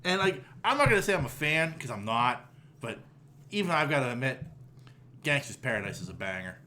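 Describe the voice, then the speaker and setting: A man's voice: mid-range voice, sing-song, a little fast, pushed and bright. Rambling, swearing man in his forties. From Pittsburgh area. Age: 40s. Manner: rambling, profane, many fillers and restarts. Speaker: podcast host. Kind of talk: casual chat.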